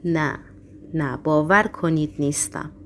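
A calm, earnest male prisoner answers his judge gently and without fear, read by a woman narrator. The voice is low-pitched and plain. It sounds like an audiobook reading. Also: a little hiss or hum, natural voice.

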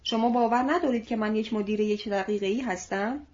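A woman reading as a calm, assured older manager. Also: a little high, natural voice. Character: confident older male company manager. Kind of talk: audiobook reading. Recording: dull lo-fi recording.

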